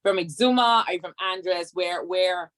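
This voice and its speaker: A woman's voice: fairly low pitch, normal speed, a bit bright. A woman from Grand Bahama with a Bahamian accent, hosting an online event, upbeat and chatty as she calls out to attendees over a video call. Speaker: host, council chairman.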